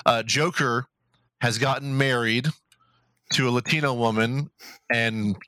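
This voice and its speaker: A man co-hosting a casual podcast, rambling through a story with lots of restarts and cheerful profanity. His voice is bright and forward, and the sound is dry and close with no room in it. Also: medium pitch, fairly even intonation, a little slow, no room sound. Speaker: podcast co-host. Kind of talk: casual chat.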